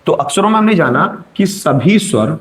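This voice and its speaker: Higher-voiced male grammar teacher. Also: expressive, normal speed, fairly bright tone, slight background noise. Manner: checks in with students, explains step by step. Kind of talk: exam-prep grammar lesson.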